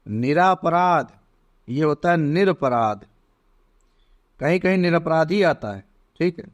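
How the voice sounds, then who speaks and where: A man teaching an exam prep lesson, slowly spelling out words one by one. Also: a little high, animated.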